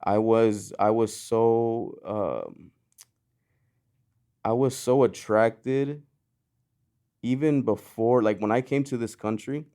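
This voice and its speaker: This man takes it slowly, leaving long pauses, with a mellow, fairly low-pitched voice. A Mexican-born podcast guest who founded a clothing brand, he chats casually and rambles, leaning on "you know" and "like" and restarting often.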